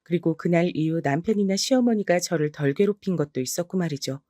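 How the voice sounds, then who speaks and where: A middle-aged woman telling her own true-life story in the first person, steady and confiding. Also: on the low side, fast talker, no echo, clean studio sound. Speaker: narrator.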